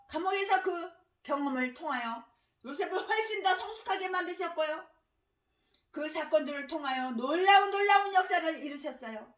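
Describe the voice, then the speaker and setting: A woman pastor preaching a sermon, stressing her points by repeating words and phrases and breaking into harsh shouted tirades. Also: high voice, echoey room. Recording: voice distant from the mic.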